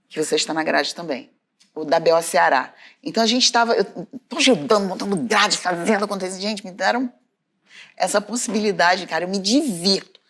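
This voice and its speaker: A woman's voice: medium pitch, vocal fry. A woman with a Brazilian Portuguese accent, a podcast co-host telling stories in casual chat, calling out to her listeners. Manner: lively storyteller, exclaims to listeners.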